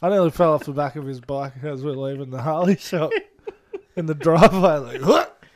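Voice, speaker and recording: An Australian man with a fairly high-pitched voice. He chats informally, telling anecdotes in loose everyday slang. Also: moderate pace, darkish tone. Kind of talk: casual anecdote chat.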